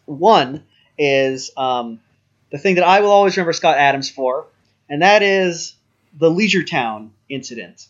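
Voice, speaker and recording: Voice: mid-range voice, lively intonation, a little slow, dull audio. A podcast co-host talking casually and hesitantly, with many ums and a wry tone. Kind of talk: casual chat.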